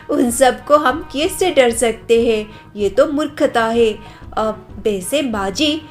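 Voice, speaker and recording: A woman voicing a cheerful, carefree young daughter-in-law in a cartoon story. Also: on the high side. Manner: lighthearted, dismissive, chatty.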